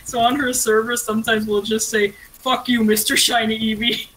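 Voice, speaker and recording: A woman's voice: fairly high pitch, level tone, normal speed, fairly bright tone, low-quality recording. A young woman streamer chatting casually and rambling, laughing and swearing freely as she talks. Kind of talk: casual chat on a drawing stream call. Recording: faint background noise.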